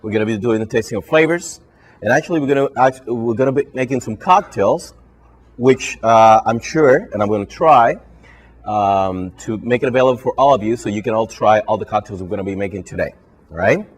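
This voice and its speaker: This man speaks on the low side, briskly and with a breathy edge. A Spanish-first speaker from Puerto Rico with the island's accent, he's a brand ambassador and trainer running a live session for bartenders in a hotel function room with an audience, and "all right?" caps nearly each phrase.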